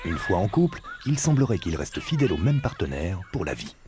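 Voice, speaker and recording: A man with a low-pitched voice narrates a nature documentary. His scripted delivery moves with lively intonation. There is clear noise behind him, with animal and bird sounds. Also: brisk.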